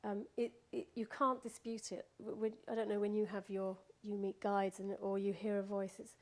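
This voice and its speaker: Woman chatting through a story from her past, lots of laughs and ums, mid-pitched voice. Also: flat delivery, moderate pace. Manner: laughs often, with many fillers and restarts. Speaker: guest recounting a personal experience. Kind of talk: casual spoken storytelling.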